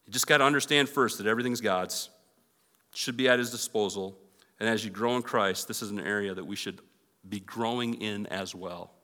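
A man's voice: fairly low pitch, fairly quick, sharp tone, in a large hall. A male pastor preaching a conversational sermon in a church and leading an earnest prayer. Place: church sanctuary.

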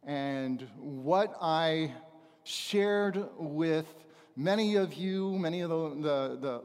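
A middle-aged man speaking as a visiting preacher, giving a church testimony in a halting, conversational way with pauses for emphasis. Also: fairly high pitch, a little mellow. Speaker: visiting preacher and missionary trainer. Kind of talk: church testimony, sermon to a congregation. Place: large church auditorium, speaking from a stage. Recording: reverberant hall sound.

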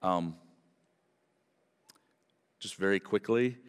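A man's voice: sits low, very slow, clear, resonant tone. Guy preaching a sermon at a pulpit mic, repeats stuff for emphasis, big echoey hall sound. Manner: emphatic, repeats phrases, poses rhetorical questions. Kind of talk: sermon to a congregation. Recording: reverberant hall.

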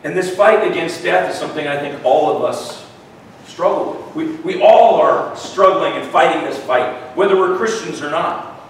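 A man preaches conversationally in a weak, thin, rather high voice. He often doubles back on his words and tags points with a questioning "right?". The recording is very echoey, picked up from well away from the mic. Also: normal speed. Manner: repeats words and seeks agreement with "right?". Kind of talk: conversational sermon. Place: large echoey room, worship gathering. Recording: echoey room, distant mic, faint noise.

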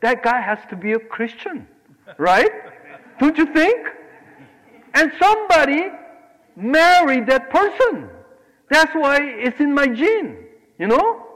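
A man from Korea preaching a sermon, animated, swinging between loud exclamations and quiet asides. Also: extremely high pitch, in a large hall, low-quality recording. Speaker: pastor.

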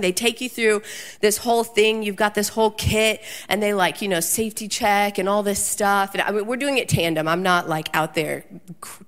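A woman preaching a sermon, telling a personal story in an animated way and acting out the quotes. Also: mid-range voice.

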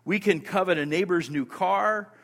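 Male preacher, sermon, emphatic, repeats key phrases, rhetorical questions, slightly high voice, long hall reverb. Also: normal speed, vocal fry, fairly bright tone. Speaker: pastor.

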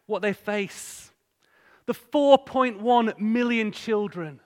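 Recorded in an echoey church hall with long reverb, a guest speaker from Hull with a northern English accent gives a live, sermon-style talk to the congregation. He tells stories and asks them conversational questions, and his voice is high-pitched.

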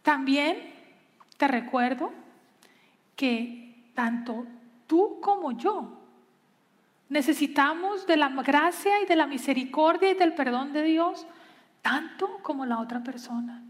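A woman preaching a sermon in an earnest way, pausing and slowing down to stress her points. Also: sits high, animated, big-room sound. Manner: earnest, pausing, slows for emphasis.

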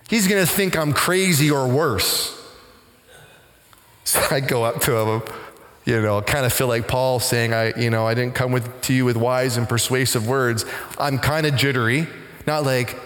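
A middle-aged man, a pastor, telling a story in a conversational sermon and growing animated as he recounts it. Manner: conversational, animated when retelling, rising pitch in excitement. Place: church sanctuary. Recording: long hall reverb in a church.

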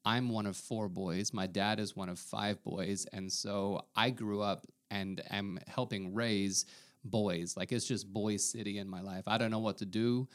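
A man's voice: fairly low pitch, fairly even intonation, measured pace. A man in his thirties, a pastor co-hosting a podcast, talking in an earnest, self-deprecating way with frequent restarts. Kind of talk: casual conversation.

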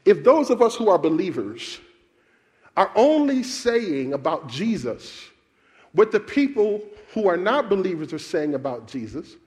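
A man preaching a sermon, asking his congregation questions and calling for answers. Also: sits high. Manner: animated, calls out questions to the congregation.

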